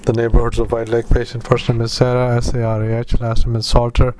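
A man speaking as a doctor doing medical dictation, in halting, clipped phrases with spoken punctuation. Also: medium pitch, monotone, a little mellow, a little hiss or hum. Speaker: doctor dictating clinical notes.

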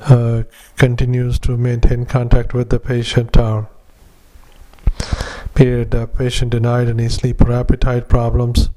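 Monotone man on a dictaphone recording. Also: medium pitch, low-quality recording. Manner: halting, with many drawn-out "uh"s. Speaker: doctor. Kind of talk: medical dictation.

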